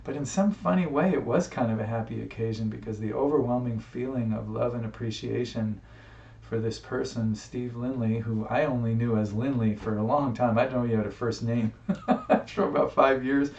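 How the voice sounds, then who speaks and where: A man with a gravelly, creaky voice talks to camera in a heartfelt, halting tribute. He sounds set back from a webcam mic in a roomy space, with a dull, muffled tone. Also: mid-range voice, fairly even intonation, a little mellow, distant mic. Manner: reflective and heartfelt, halting with fillers. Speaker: musician. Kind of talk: personal tribute talk to camera. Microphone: webcam microphone.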